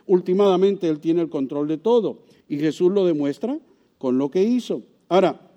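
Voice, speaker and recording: High-voiced man preaching a sermon. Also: animated, moderate pace, lo-fi sound. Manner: asks the congregation rhetorical questions; swings widely in pitch and loudness for emphasis. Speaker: pastor.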